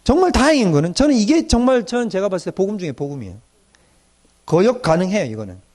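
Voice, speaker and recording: A middle-aged male pastor preaches a doctrine lecture. His voice sits high for a man and swings widely in pitch. He acts out the people he quotes as he goes. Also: fast talker. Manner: animated, acts out quoted young people in dialect.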